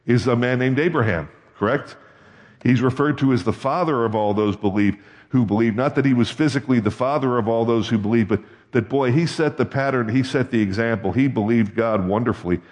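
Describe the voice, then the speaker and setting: Preaching a little fast, a male pastor with a medium-pitched, darkish voice talks to his congregation conversationally and frequently checks in with questions. The sound carries long hall reverb.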